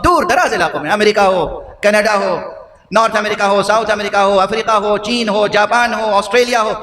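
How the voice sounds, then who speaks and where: High, bright older man preaching. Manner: impassioned oratory, rising and falling in pitch. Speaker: Shia majlis speaker. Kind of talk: Muharram majlis sermon. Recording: echoey hall with faint noise.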